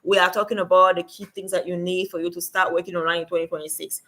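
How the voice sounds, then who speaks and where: Chatty woman with a bright voice. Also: lowish voice, level tone, fast talker. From Cameroon. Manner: chatty, many fillers, talks to viewers in chat. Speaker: livestream host and remote work coach. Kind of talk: casual livestream advice.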